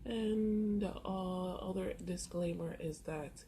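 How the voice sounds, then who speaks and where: A tarot and oracle card content creator with a sore throat and a lowish voice gives an unhurried, casual walkthrough of her first-floor apartment on a busy street. Recorded on a camera mic with faint street noise behind her, she speaks haltingly, often pausing and filling gaps with soft hesitations.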